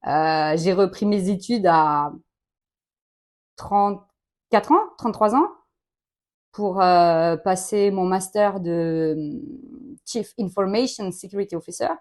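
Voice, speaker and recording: Woman in her late thirties, company director, quick-fire interview, chatty, informal, laughs a lot. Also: medium pitch, a little mellow.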